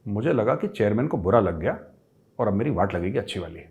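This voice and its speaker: A middle-aged man hosting a show, telling a personal story in a lively way and sliding in English phrases. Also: fairly low pitch, a little fast, lo-fi sound. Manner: lively, acts out quoted people with raised voice, mixes English phrases. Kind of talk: animated storytelling.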